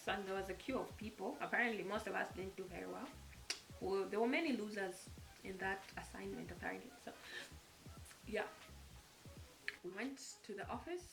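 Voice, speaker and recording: A young woman from Zambia with a Zambian accent, telling a storytime vlog in an animated way, often laughing. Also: medium pitch, gravelly, rough recording. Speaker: vlogger.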